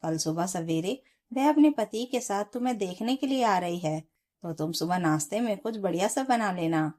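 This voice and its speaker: Field-by-field: Figure: stern, scolding mother-in-law, played by a woman. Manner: sharp, nagging, sarcastic. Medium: storybook narration. Pitch: mid-range. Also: animated, moderate pace, lightly acted.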